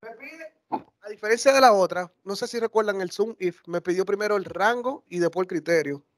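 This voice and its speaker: A high-voiced man walks a class through a live software demo. His delivery is chatty and he often stops to correct himself mid-sentence. The sound is dry and close, with little room tone. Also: a little fast, dry recording. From Dominican Republic. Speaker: workshop instructor. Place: classroom or lecture hall.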